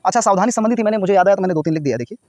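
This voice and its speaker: Fast-talking male English teacher. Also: high-pitched, animated, a little mellow, no echo. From North India. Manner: explains each phrase, spells words letter by letter. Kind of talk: spoken English lesson.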